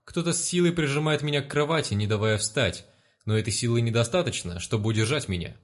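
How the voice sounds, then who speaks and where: A male storyteller narrates in the first person. His delivery is blunt and sardonic, heavy with swearing. His pitch sits right in the middle for a man. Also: animated, fast talker. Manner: crude, profane, sardonic.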